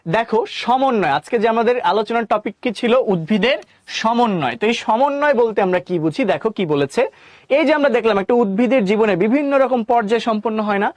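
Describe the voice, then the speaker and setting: High, dry-sounding male science teacher, drills terms with questions and answers them himself. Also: animated, quick pace, dry recording. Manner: addresses students by name, reads their chat. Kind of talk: live online lecture.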